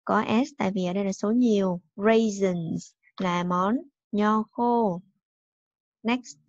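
A woman teacher giving a recorded bilingual English lesson to young children. She stresses and repeats each English word clearly. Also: medium pitch, steady tone, slow, darkish tone, dry recording, highs cut off. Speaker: primary school English teacher.

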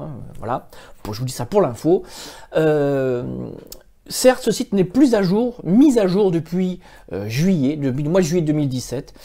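Man, computer help video host, casual rambling talk, warm mellow tone, frequent restarts. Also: on the high side. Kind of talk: casual spoken tech recommendations.

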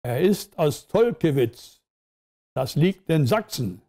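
A man's voice: fairly high pitch, very animated, slow, warm tone, full character voice. A man reading the lines of a brash young male cabaret compere who announces acts with mocking showmanship.

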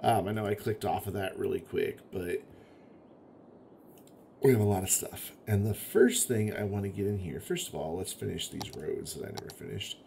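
A man's voice: low-pitched, moderate pace, creaky, dark tone, slight background noise. A man giving casual, chatty commentary while playing a city-building game, thinking aloud and grumbling at the game now and then. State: has the hiccups. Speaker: gaming video host.

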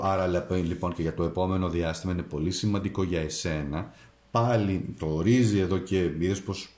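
A man's voice: sits low, darkish tone. A man giving a tarot reading to camera, addressing the viewer directly with advice. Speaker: tarot reader and astrologer. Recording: echoey room.

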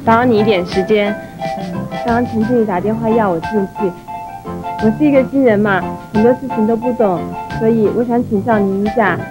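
A woman's voice: a little high, steady tone, a little fast, close to an everyday voice, low-quality recording. A woman in her twenties with a Taiwanese Mandarin accent acting a polite, humble office newcomer in a training skit. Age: 20s. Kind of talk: acted skit in an instructional video. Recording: dated videotape, music behind.

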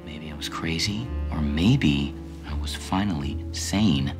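An actor playing a brooding, slightly unhinged hard-boiled detective in a terse, deadpan noir voice-over. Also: male voice, rumbling low, slow. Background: music behind the voice.

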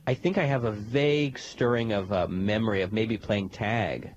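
A man's voice: lowish voice, normal speed. A man hosting a radio interview, asking dry, skeptical, probing questions. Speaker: radio host. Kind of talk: comedic phone interview. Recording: dull radio recording with faint noise.

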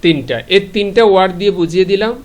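A man's voice: high-pitched, racing. A Bangladeshi man teaching an English grammar lesson on a live stream, who keeps asking a question and answering it himself.

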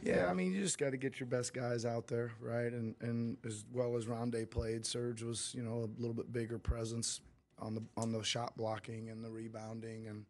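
At a post-game press conference, a middle-aged head coach gives candid, rambling answers with frequent restarts into a table mic, seated before a sponsor backdrop in the press room. His medium-pitched voice is level, moderately paced and a little mellow.

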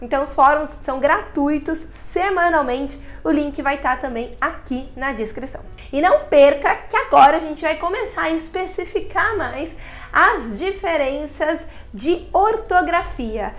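Chatty high-voiced woman teaching English. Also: expressive. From Brazil. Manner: chatty, explains with drawn-out vowel examples. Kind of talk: casual video lesson.

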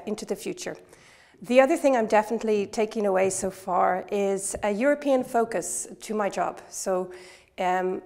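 Woman giving a measured testimonial. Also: mid-range voice, a little mellow. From Ireland. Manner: measured, articulate, reflective. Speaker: course participant. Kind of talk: testimonial interview. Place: classroom by a window.

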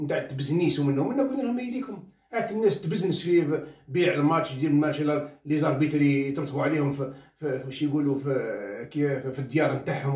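A man's voice: high voice, darkish tone. A man from Khenchela with an Algerian Arabic accent, a journalist giving a heated rant that slips into French phrases. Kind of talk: ranting commentary. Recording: roomy echo, mic set at a distance.

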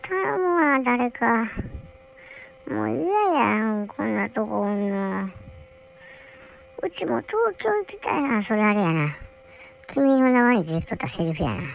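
A woman's voice: on the high side, big pitch swings, unhurried, vocal fry, pauses often, slight background noise, exaggerated voice, low-quality recording. A woman voicing a bored, whiny young male polar bear cub who rambles and grumbles to himself with a Kansai accent. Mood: bored grumbling. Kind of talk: comic character monologue.

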